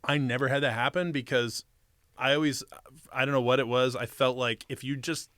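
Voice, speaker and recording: Male interview guest, mid-pitched, loose and rambling storyteller with profane slang, recorded dry. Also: steady tone, a little fast, a bit bright, no room sound. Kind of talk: casual chat, storytelling.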